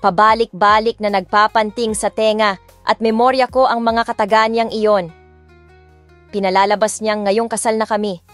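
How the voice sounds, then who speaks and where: A woman with a fairly bright, mid-range voice and a Filipino accent tells a first-person romance story in Tagalog and English at normal speed. Her tone stays steady as she narrates and voices the heroine with restrained emotion, over background music.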